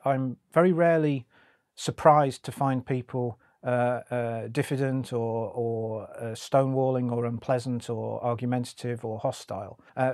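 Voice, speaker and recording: A middle-aged man speaking in a measured, articulate way with frequent hesitations, interviewed in a recording studio. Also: medium pitch, a little mellow, no echo. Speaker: journalist interviewee. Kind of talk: documentary interview.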